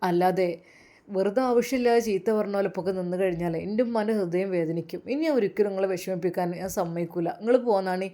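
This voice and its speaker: A woman's voice: mid-range voice, fast talker, mellow, voice pushed down, lightly acted. A woman voicing a firm, protective young man from Malappuram who talks in a stern, insistent way. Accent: Malappuram Malayalam.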